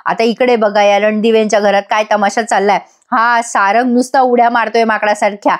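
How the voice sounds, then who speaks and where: A woman's voice: medium pitch, little pitch movement, brisk. A woman giving a chatty voice-over recap of a TV serial episode and speaking directly to her viewers. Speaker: TV serial reviewer.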